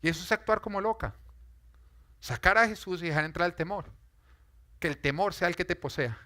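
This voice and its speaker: A man's voice: high voice, fairly quick, pushed and bright. A male pastor delivering an emphatic, dramatic sermon, acting out scenes as he preaches. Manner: emphatic, dramatic, rises and falls in intensity.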